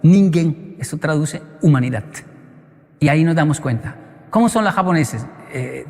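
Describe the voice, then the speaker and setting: A male motivational speaker giving a live talk, animated and acting out bits of dialogue as he answers an audience question. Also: fairly high pitch, normal speed. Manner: animated storyteller who acts out dialogue. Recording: long hall reverb.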